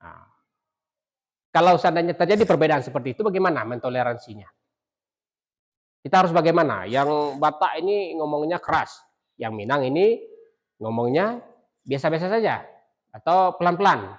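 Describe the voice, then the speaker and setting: A middle-aged man teaching a class, asking rhetorical questions and pausing on fillers and restarts. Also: fairly high pitch, expressive. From Indonesia. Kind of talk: classroom lecture.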